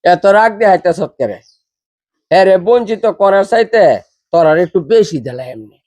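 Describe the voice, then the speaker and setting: A man's voice: sits high, animated, fairly quick, a little mellow, no room sound. A man playing a stern rural father who scolds his grown sons, speaking. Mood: brooding. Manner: scolding, commanding. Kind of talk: village drama skit.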